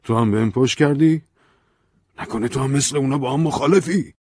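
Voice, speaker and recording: A paranoid young man who talks urgently and secretively, as a storyteller plays him. He has a low, husky voice, recorded dry and close. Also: steady tone, a little mellow, dry recording. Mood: urgent worried.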